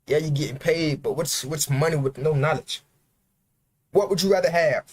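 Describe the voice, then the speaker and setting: A man's voice: a little high, normal speed, husky. A man hosting a livestream, giving a blunt, profane motivational rant about self-investment and working for himself.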